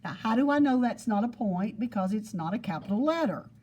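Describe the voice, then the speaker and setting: A woman's voice: a little high, animated, a little fast, warm tone, breathy edge. A woman teaching geometry to a class, explaining patiently and repeating points with everyday examples. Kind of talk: classroom lesson. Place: classroom with students.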